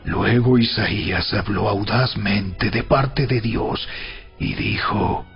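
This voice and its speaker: A man's voice: lowish voice, slow, vocal fry. A man giving solemn, emphatic, rhetorical narration in a dramatized reading of scripture. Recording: dull sound with background music. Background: music.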